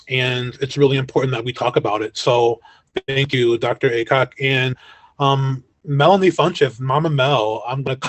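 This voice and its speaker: A man's voice: mid-range voice, no echo. A man moderating a video-call panel discussion, talking in a reflective, affirming way.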